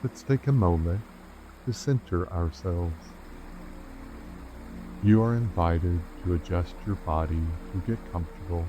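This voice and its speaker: A man leads a calm grounding meditation as a guide, speaking gently and unhurriedly with measured pauses. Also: deep voice, muffled recording, a little hiss or hum. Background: rainforest sounds with insects, soft music.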